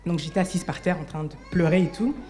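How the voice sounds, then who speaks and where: A woman telling her personal testimony to a church congregation, halting, often restarting and correcting herself. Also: on the low side, dark tone. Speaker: church member giving a testimony. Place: church service hall.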